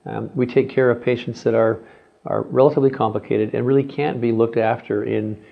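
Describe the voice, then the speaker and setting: A man's voice: medium pitch, steady tone, fairly quick, creaky, muffled recording. A man in his sixties from Canada, a heart surgeon, speaking hesitantly with many fillers in an interview recorded with a lapel mic in a clinic exam room. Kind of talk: profile interview.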